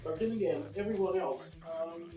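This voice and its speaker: A man's voice: a little high, normal speed, mellow. Rambling male podcast host, roomy and distant. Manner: rambling, circling back to rephrase questions. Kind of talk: casual interview chat. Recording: roomy distant mic with music behind.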